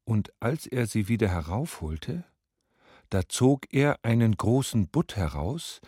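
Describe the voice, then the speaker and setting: A man reads a fairy tale aloud in a low voice. He tells it very slowly with a lively, expressive melody. The recording is dry and close. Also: slightly rough, no room sound. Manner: slow expressive storytelling. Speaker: storyteller.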